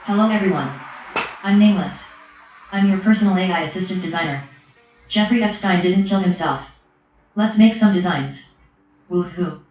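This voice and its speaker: Glitchy robot lady ai voice, pitch jumping around, echoey and muffled with faint music. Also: moderate pace, long pauses, darkish tone. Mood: chirpy. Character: female robot AI assistant voice. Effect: robotic text-to-speech with glitchy pitch jumps. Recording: echoey, dull speaker playback with faint music.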